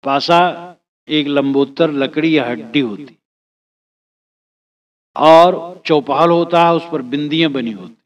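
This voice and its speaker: A man's voice: on the high side, slow pace, pauses often, highs cut off. A man giving a religious discourse, reciting verses and explaining them phrase by phrase in an earnest, exhorting way. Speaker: spiritual teacher.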